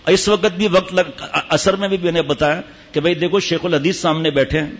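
This man's voice sits on the high side and holds a steady tone, captured in a muffled recording. He is a religious teacher at a mosque retreat, sternly preaching to a gathering and chiding them with rhetorical questions.

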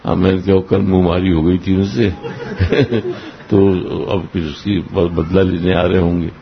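A man slowly recounting memories of his spiritual master to a gathering, in an unhurried, halting way with restarts and small chuckles. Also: sits low, flat delivery, gravelly. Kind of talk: anecdotal storytelling to a gathering. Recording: dull lo-fi recording with faint hiss.

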